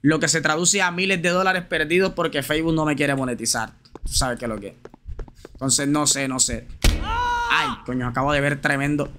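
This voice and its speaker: A male live streamer talking loosely over gameplay, slangy and chatty, addressing his viewers directly. His voice sits a little high and rings bright and forward, with a faint hiss of noise under it. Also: fairly even intonation, a little fast. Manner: chatty, slangy, talks straight to viewers and reads chat aloud. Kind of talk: casual live gameplay chat.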